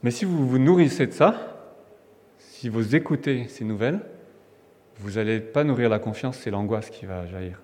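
A man's voice: medium pitch, normal speed, warm tone. A man from France preaching a sermon in a conversational, emphatic way, with restarts and fillers. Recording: long hall reverb.

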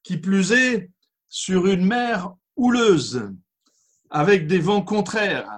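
A male pastor delivering a sermon at an unhurried pace, lingering on key words. His voice sits a little high for a man and has a husky, breathy edge. He reads scripture and comments on it in a measured, emphatic way. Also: animated. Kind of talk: sermon with Bible reading.

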